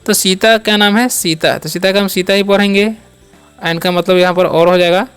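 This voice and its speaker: A man with a high, smooth, clear voice teaching English vocabulary in a patient classroom manner. He spells out each word, asks what it means and then answers himself, closing each point with a reassuring check-in. Faint music plays underneath. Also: fairly even intonation, moderate pace, a bit bright. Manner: repeats each word, asks and answers his own questions. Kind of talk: step-by-step classroom-style lesson.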